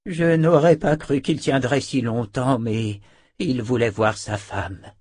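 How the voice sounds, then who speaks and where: A man's voice: mid-range voice, slow pace, a little mellow, husky, no echo, clean studio sound, pitched above the performer's own voice. A man reading the lines of a somber old grandfather wizard. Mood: grave.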